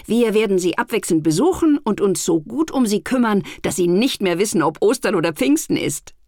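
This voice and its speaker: A woman voicing a cheerful, teasing festive day in a storybook, with a loud, jolly delivery and a husky voice. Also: mid-range voice, lively intonation, brisk, no echo, clean studio sound.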